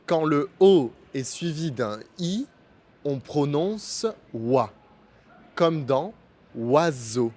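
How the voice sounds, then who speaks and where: A man with a slightly high voice walks through pronunciation at an extremely slow, deliberate pace. Every sound is shaped carefully, as in a scripted lesson for beginners. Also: animated, darkish tone. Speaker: French teacher.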